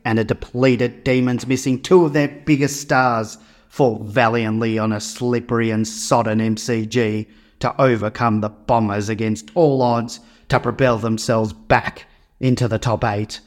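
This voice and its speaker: A man's voice: medium pitch, fairly even intonation, a little slow. An Australian man reading a scripted introduction as the host of a sports podcast.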